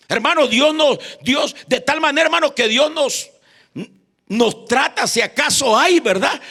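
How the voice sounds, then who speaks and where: An evangelist preacher from Honduras delivers a sermon in Honduran Spanish, his high voice bright, forceful, and gravelly at the edges. He says "hermano" constantly and keeps drawing the congregation in, calling for responses and having them repeat after him.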